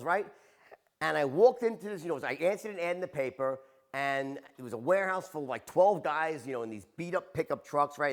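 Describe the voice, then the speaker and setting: A man runs a storytelling seminar in an animated, punchy way, checking in with the room after nearly every point. His voice sits a little high for a man and swings widely as he speaks. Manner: animated, tags points with "right?" and "okay?". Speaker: sales trainer.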